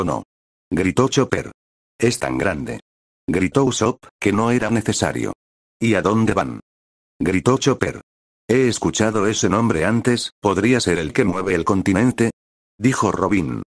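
A man reads a fan story aloud with a fairly low voice. His delivery stays even and steady across every character. The sound is dry and close. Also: dry recording. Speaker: narrator. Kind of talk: scripted narration of a fan story.

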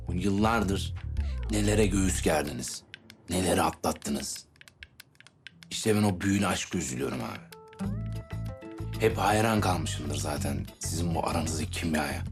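A young man playing an earnest, wry young soldier in a TV series, deadpan and ironic, with faint music behind. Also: sits low. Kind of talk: TV series acting.

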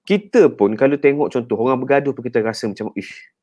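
A man with a Malaysian accent, a counselor guest on a radio talk show, explaining in an animated, teacherly way with frequent "ha" and "kan" tags, in a radio studio. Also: mid-range voice, fast talker.

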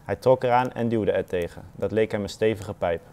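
A man reads a children's story in a calm, unhurried storybook style. His voice sits low and sounds mellow and dark. Quoted thoughts drop into soft, muttered asides. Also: clear, resonant tone. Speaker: footballer reading a children's story. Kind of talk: storybook reading.

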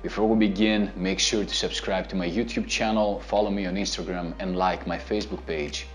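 A Greek man in his thirties with a Greek accent and a deep, fairly quick voice answers viewer questions about guitar in a relaxed, step-by-step way, using plenty of fillers. He speaks casually to camera in an instructional style, gesturing with his hands. He's in an indoor studio with a plain grey backdrop, with soft background music under his voice.

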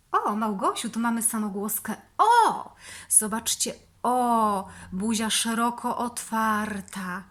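A woman with a Polish accent leading preschool children through speech therapy exercises, giving slow, sing-song, encouraging instructions. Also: on the high side, a bit bright. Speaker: preschool teacher.

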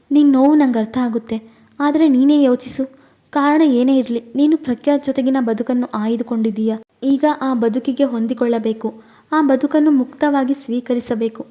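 A woman's voice: sits high, mellow, close to an everyday voice. A woman voicing a caring, consoling friend.

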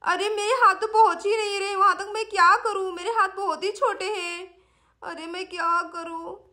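A woman voicing a lively young woman who chatters and scolds. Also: very high-pitched, moderate pace, pitched above the performer's own voice. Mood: worried.

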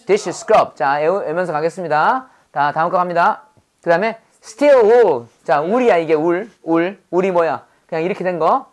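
A woman teaching an English vocabulary lesson, lively and drilling her learners with prompts to repeat after her. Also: on the low side, moderate pace.

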